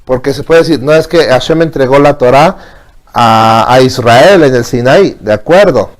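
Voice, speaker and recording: Man, religious lesson, patient explaining, checks in with listeners, medium pitch. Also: normal speed. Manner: explains patiently, asks "¿bien?" often. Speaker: teacher. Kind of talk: religious teaching.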